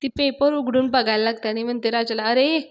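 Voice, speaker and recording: A woman reviewer casually retelling a TV serial episode in a chatty, lively storytelling manner. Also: a little high, quick pace.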